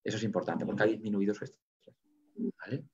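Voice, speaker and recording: Brief: male motivational speaker, animated, direct, dull online call audio. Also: on the low side, fast. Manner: animated storytelling, addresses audience directly. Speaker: webinar speaker. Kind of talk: motivational talk.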